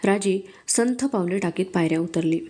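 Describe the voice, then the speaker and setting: A woman narrating a historical novel aloud in a steady storytelling manner. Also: medium pitch, normal speed, breathy edge. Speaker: audiobook reader.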